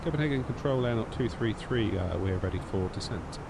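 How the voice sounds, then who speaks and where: A man's voice: expressive, fairly quick, gravelly. A man live streaming a flight simulator, mixing casual chat with pilot radio calls. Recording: rumbling aircraft noise.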